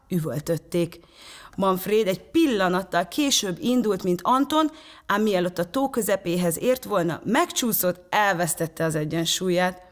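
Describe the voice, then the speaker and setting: A woman storyteller from a theatre reading a children's story in a calm, measured way, from a prompter's box. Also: fairly low pitch.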